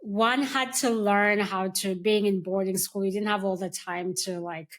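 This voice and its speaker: A woman in her forties, originally from Kenya, chatting as a podcast guest. She talks at a middle pitch, unhurried and reflective, with frequent pauses and fillers. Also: steady tone. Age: 40s. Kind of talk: casual interview chat.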